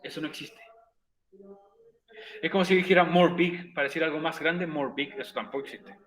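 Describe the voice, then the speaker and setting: A man's voice: fairly high pitch, fairly quick, fairly bright tone, reverberant, poor audio. A man Chilean teacher explaining patiently. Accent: Chilean Spanish. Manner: patient, repeats words and questions to students. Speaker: English teacher. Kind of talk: recorded virtual class, explaining grammar in Spanish.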